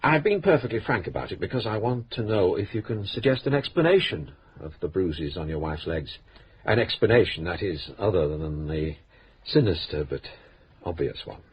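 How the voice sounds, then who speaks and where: A dry, urbane police inspector. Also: male voice, sits low, animated, slightly rough, exaggerated voice, rough recording. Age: 50s. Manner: measured, dry, courteous. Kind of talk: radio drama acting.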